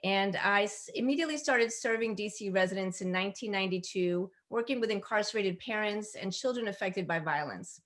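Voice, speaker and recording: A woman from Colombia, a candidate, giving a brisk and self-assured opening statement at a forum. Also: mid-range voice, fairly bright tone. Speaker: political candidate.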